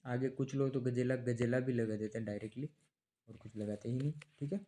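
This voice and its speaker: A man's voice: mid-range voice, steady tone, fairly quick, dark tone. A man teaching an online exam-prep lesson in a chatty way, asking his students rhetorical questions and repeating key dates and names so they stick. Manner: chatty, asks students rhetorical questions, calls them brother.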